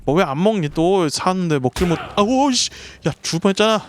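Streaming a survival game, a man with a high-pitched voice offers brisk live commentary over slight background noise. He chats with his creatures and his viewers, and gets excitable, yelping and swearing whenever he's startled.

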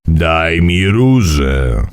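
A man voicing a stern, mysterious old man who speaks low, slow and insistent. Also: very animated, smooth, exaggerated voice.

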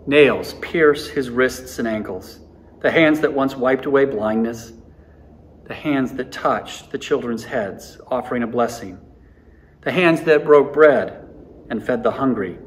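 A man's voice: mid-range voice, slight background noise. Reverent man reading a meditation. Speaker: pastor. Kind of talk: solemn scripture meditation reading. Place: church sanctuary, at a wooden lectern.

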